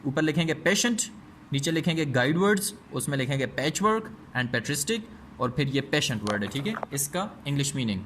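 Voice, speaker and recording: Man teaching English, slow deliberate reading. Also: a little high, lively intonation, fairly bright tone, a little hiss or hum. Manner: reads English slowly word by word, explains quickly in Urdu. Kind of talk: classroom lesson explaining a textbook.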